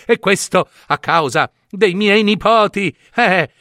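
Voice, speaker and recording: Man playing a high-pitched fretful widow, rambles and stammers over her little dog, storybook reading. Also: takes it slowly, sharp tone, no echo, studio quality, full character voice. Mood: fretful chatter.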